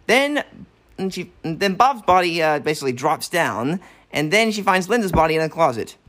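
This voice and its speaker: A man co-hosting a podcast, casually recapping a horror film, animated and swearing freely. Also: on the high side, normal speed. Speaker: podcast co-host.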